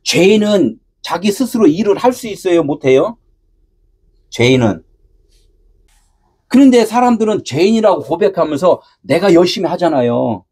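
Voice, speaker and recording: A husky-voiced man preaches a sermon in a high, restless voice. His pitch swings up and down as he fires questions at his listeners and answers them himself. At times he lifts his voice to a preacher's shout. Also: big pitch swings, moderate pace, pauses often. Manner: asks the congregation rhetorical questions and answers them. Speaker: pastor.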